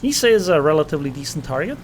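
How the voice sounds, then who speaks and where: A man with a slightly high, very animated voice races through casual live commentary on a naval battle game, thinking aloud about his next moves. Estonian is his first language; he mutters plans and small reactions as a gameplay commentator, with game engine and gunfire sounds under his voice.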